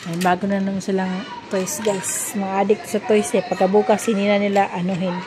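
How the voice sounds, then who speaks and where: A woman's voice: medium pitch, level tone, brisk. A woman in her thirties with a Filipino accent, chatting casually as a mother vlogging her family life and mixing Filipino with English. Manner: switches between Filipino and English, coaxing her child. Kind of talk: casual family vlog chat. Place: family home. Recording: home recording with background noise.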